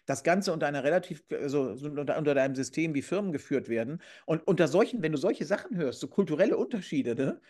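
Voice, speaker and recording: A man's voice: a little high, expressive, fast, hardly any pauses, darkish tone. A middle-aged man co-hosting a casual comedic chat over a video call from home, blunt and crude as he tells stories. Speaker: co-host. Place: room at home, indoors. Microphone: video call webcam.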